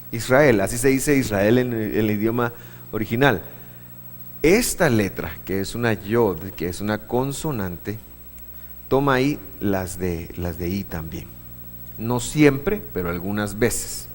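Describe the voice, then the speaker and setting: A man teaching a church class, patient, asking the room questions, with many halting restarts. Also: on the low side, a little hiss or hum. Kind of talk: classroom lesson on Hebrew vowels. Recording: long hall reverb.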